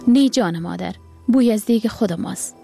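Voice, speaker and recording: A woman voicing a poor, hopeful mother and wife, speaking in lively exclamations. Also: medium pitch, creaky, faint music behind, lightly acted. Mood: exclaiming.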